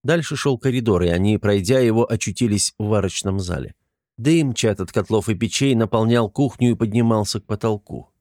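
A man reads an audiobook in a steady, measured way, his pitch in the middle range. It's scripted narration recorded cleanly in a studio with no room sound.

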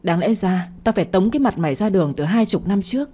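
A woman's voice: lively intonation, fast talker, mellow, breathy edge. A woman doing a furious scolding old aunt. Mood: raging. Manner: shrill, abusive scolding. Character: harsh, bitter older aunt, scolding.

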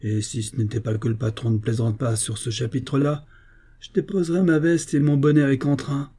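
A man's voice: mid-range voice, fairly even intonation, a little fast, mellow, voice pushed up, close to an everyday voice. A man reading the part of a tall, half-drunk working-class mover who grumbles about his heavy load. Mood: grumbling.

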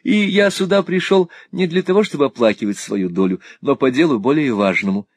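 Reader as polite, earnest young gentleman, lively intonation, dry close sound. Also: medium pitch, brisk, dry recording, pitched above the performer's own voice, natural voice. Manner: polite, sincere, gently playful. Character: earnest, gallant, worn-down young man. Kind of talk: audiobook character voice.

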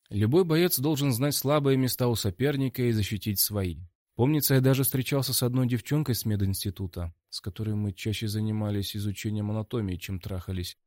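Calm man narrating an audiobook. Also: on the low side, dry recording, clean studio sound.

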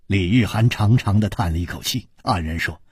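A man narrating in radio storytelling, measured and expressive. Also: low voice, breathy edge, no room sound, clean studio sound.

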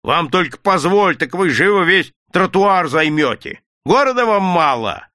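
A man's voice: high-pitched, expressive, a little slow, dry recording, studio quality, pitched above the performer's own voice, exaggerated voice. A man voicing a grumpy, bossy old yard-keeper in an audiobook reading. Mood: gruff. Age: older. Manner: gruff, shouting. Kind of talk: audiobook character voice.

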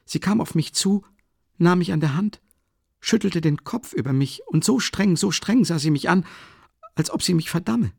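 A man's voice: expressive, normal speed, creaky, darkish tone, slightly rough, no room sound, clean studio sound, heavily acted. A man voicing an anxious, timid middle-aged mother in an audiobook, flustered and exclaiming. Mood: fearful. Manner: flustered, exclaiming, high-pitched fretting. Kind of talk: audiobook character reading.

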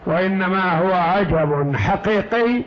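Man giving lecture commentary, high voice, slow emphatic delivery, dull lo-fi recording. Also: animated. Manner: slow, emphatic, repeats key phrases. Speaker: sheikh teaching a creed text. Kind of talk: lecture commentary on a read text.

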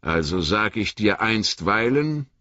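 A man reading an audiobook, voicing an old, grave and cautious male wizard who speaks in measured warnings. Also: on the low side, very animated, pushed and bright, no room sound, pitched above the performer's own voice, heavily acted. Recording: dull lo-fi audiobook recording.

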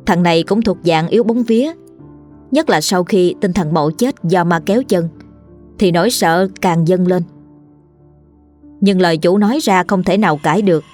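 Woman narrating a ghost story, low voice. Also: darkish tone.

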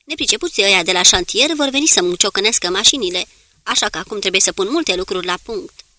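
A touchy male engineering officer aboard a submarine in an audiobook, voiced by a woman. He talks gruffly, with complaints at the edge of every line. The bright voice sits in a dry, close recording. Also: medium pitch, expressive, dry recording. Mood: irritated.

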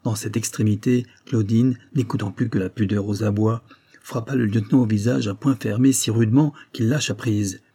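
Low, husky male audiobook narrator. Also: fairly even intonation, moderate pace, dark tone. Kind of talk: scripted narration of a classic novel.

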